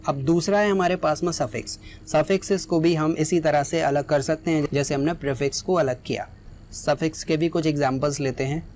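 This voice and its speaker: A man's voice: a little high, steady tone, moderate pace, a little mellow, a little hiss or hum. A man teaching an English lesson in Hindi, patiently repeating each example word. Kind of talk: explaining exam lesson.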